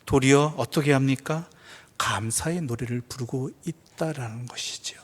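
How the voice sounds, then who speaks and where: A man preaching a sermon as pastor. He swings between loud emphatic passages and hushed near-whispers, and he asks rhetorical questions. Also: mid-range voice, normal speed, husky. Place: church sanctuary. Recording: church hall with long reverb.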